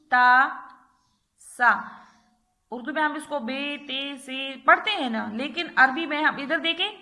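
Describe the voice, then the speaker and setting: A woman's voice: sits high, pushed and bright. A woman teacher with an Urdu-speaking Pakistani accent, giving a recorded class lesson to young children and patiently drilling letter sounds. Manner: patient, repeats "theek hai" often, drills letters slowly.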